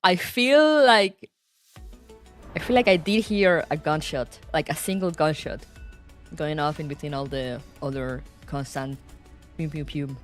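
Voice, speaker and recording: A woman's voice: sits low, unhurried, soft background music. A woman giving casual, rambling commentary as she plays through a video game. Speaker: game streamer. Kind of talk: casual playthrough commentary, reading dialogue aloud.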